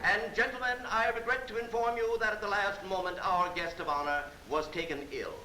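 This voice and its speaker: An actor playing a persuasive reform politician in a hurry, in a 1930s comedy film. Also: male voice, high-pitched, fairly even intonation, noisy background, natural voice. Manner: persuasive, hurried. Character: smooth-talking, persuasive reform party politician.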